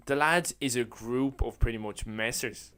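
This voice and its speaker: A man's voice: medium pitch, fairly bright tone, smooth. A young Irish man, an independent filmmaker, chatting casually and swearing freely on a podcast. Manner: rapid, profane, laughs often.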